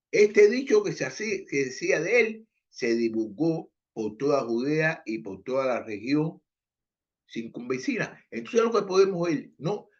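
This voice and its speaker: Man preaching with a lively voice. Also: a little high, lo-fi sound. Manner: reads scripture aloud and explains it, asks rhetorical questions; repeats phrases, restarts words. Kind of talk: Bible teaching.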